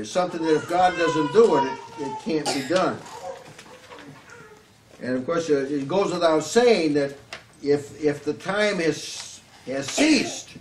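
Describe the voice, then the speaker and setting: Older southern preacher, kinda high voice, earnest, lots of restarts, roomy sound. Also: male voice. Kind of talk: sermon. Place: small room before a curtain backdrop, at a lectern. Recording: echoey room, slightly distant mic, faint hiss.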